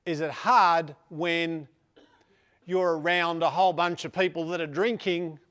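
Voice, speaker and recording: Guy doing a gushing, sing-song voice of someone quizzing him, pitched up. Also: steady tone, unhurried, fairly bright tone, clean tone. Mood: mock curious. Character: fawning admirer asking questions, adult.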